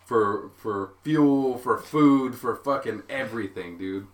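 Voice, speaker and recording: A man chatting casually on a podcast in a backyard shack, speaking bluntly and cursing. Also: medium pitch. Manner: slow, blunt, profane. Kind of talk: casual chat.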